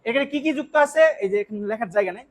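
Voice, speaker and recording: A man teaching how to pronounce scripture verses, explaining patiently and chanting lines slowly as examples, often checking that his listeners follow. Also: extremely high pitch, expressive, low-quality recording. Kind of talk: devotional recitation lesson.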